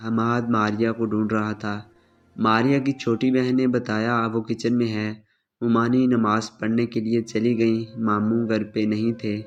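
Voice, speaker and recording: A man narrating a romantic family drama in a steady, scripted storytelling voice. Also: lowish voice. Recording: slightly dull with soft music.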